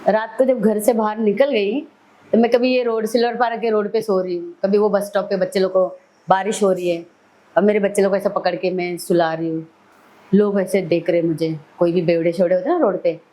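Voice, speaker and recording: Speaking briskly in a warm, mid-range voice with fairly even intonation, a middle-aged woman who styles celebrities' hair recounts her life story vividly as a guest on a podcast. The recording is rough.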